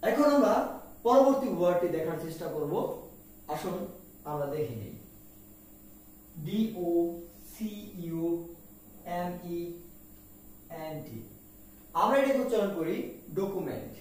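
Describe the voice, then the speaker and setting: High-voiced man teaching pronunciation. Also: lively intonation, slow pace, pauses often, darkish tone. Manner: spells words letter by letter and repeats them with drill questions. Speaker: English teacher. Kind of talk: pronunciation lesson. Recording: echoey room from far off.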